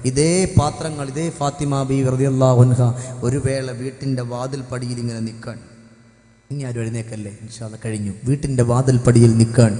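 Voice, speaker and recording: A man preaching an emotional sermon, telling a story with passion and moving between hushed lines and loud, wailing cries. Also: mid-range voice. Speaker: Islamic preacher. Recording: echoey hall with music underneath.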